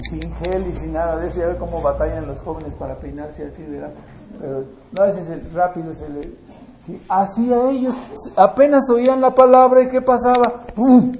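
A man preaching a sermon. He asks the congregation questions and answers them himself, and he swings between loud emphasis and quiet asides, with frequent restarts. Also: high-pitched, echoey room, a little hiss or hum, rough recording. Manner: frequent restarts and checking "¿verdad?".

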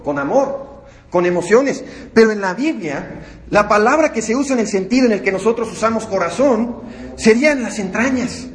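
A man with a Mexican accent preaching a sermon, emphatic and repetitive, stressing key words to a congregation. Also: high-pitched. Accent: Mexican Spanish. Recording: echoey room sound.

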